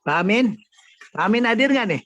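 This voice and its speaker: A man's voice: very high-pitched, expressive, fairly quick, fairly bright tone, no room sound. A man teaching an Arabic class over a video call, patiently quizzing his students by name. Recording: muffled video-call audio.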